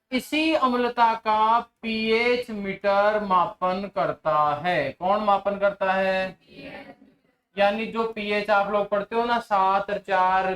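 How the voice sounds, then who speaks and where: A man's voice: very high-pitched, a bit bright, echoey room, poor audio. A male agriculture teacher gives a classroom lecture, repeating questions back to his students and teasing them.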